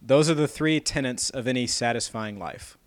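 A man's voice: medium pitch, normal speed, no echo. A man in casual comedic chat, telling a long rambling story and laughing often.

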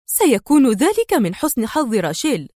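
A woman's voice: a little high, big pitch swings, moderate pace, mellow, no room sound, studio quality. A woman voicing a cold, ruthless female gang boss who speaks harshly and sternly in a dramatized novel reading.

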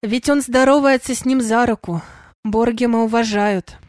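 A woman's voice: fairly high pitch, fairly even intonation, moderate pace, a little mellow, dry recording, clean studio sound. A woman narrating a first-person audiobook in an emotional, tearful manner.

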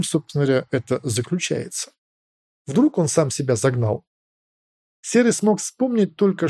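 A man reading fiction as an audiobook narrator, in a dramatic, expressive storytelling manner. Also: a little high, dry recording, studio quality.

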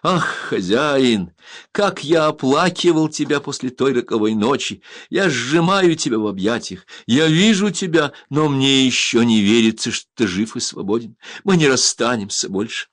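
A man's voice: medium pitch, lively intonation, moderate pace, voice pushed up, natural voice. A man voicing a loyal male Indian servant in a storybook reading, pleading and fervent in a raised voice. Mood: tearful.

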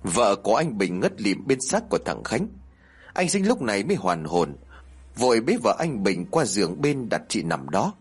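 A man narrating a horror story in a measured, dramatic storytelling manner. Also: fairly low pitch, very animated, husky.

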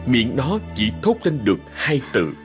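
A man narrating a ghost story in a measured, dramatic storytelling way. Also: mid-range voice, sing-song, over music.

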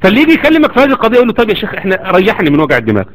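A man's voice: sits high, huge pitch swings, rapid-fire, a bit bright, low-quality recording. A man with an Egyptian Arabic accent giving a religious lecture, arguing his point and firing rhetorical questions at his listeners. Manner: argumentative, full of rhetorical questions to the audience. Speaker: Islamic lecturer.

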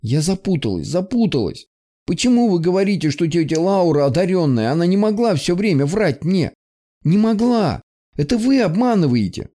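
Man doing a teary young sorceress girl, high and shaky, begging, storybook reading. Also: very animated, normal speed, hardly any pauses, dark tone, no room sound. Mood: distraught pleading. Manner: high-strung, pleading. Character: young female sorceress, tearful and distraught.

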